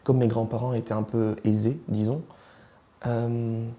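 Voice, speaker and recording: In a flat, mellow, mid-range voice at a measured pace, a man in his twenties from Rwanda answers questions in a personal interview. He's hesitant, hunting for words and moving between languages.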